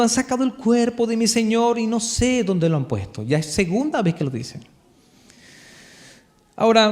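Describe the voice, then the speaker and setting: A man's voice: high-pitched, a little mellow. A man with a Chilean accent preaching a live sermon in church, telling the story with animation and asking the congregation questions. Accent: Chilean Spanish. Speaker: pastor.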